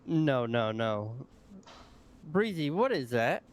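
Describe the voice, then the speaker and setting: A man in a casual roleplay, speaking in a steady, plain-spoken way. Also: mid-range voice, takes it slowly. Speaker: roleplay player as an officer.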